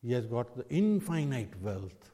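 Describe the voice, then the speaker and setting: Male spiritual teacher, North Indian accent, slightly higher-pitched voice, questioning didactic delivery, long hall echo. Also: big pitch swings, a little slow, warm tone. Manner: didactic, poses rhetorical questions to listeners. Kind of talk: religious discourse in English with Hindi and Sanskrit phrases.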